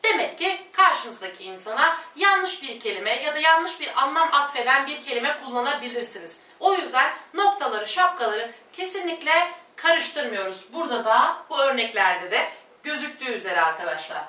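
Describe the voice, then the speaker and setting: A woman teaching a language lesson at a board, slowly repeating each word pair and addressing her viewers as friends. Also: sits high, sharp tone, recorded from a distance. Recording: echoey room, voice off-mic.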